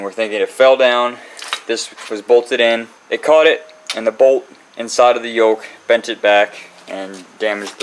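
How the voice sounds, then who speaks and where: A man's voice: on the low side, fairly bright tone, low-quality recording. A man hosting his own channel, chatting casually and rambling as he walks through a repair job. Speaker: channel host. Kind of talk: casual garage vlog walkthrough.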